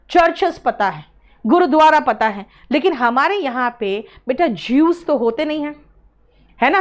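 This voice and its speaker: A woman teaching an online English exam class. She explains words patiently, calls students "beta" and keeps checking "है ना?". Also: high voice. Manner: mixes English terms into Hindi explanations.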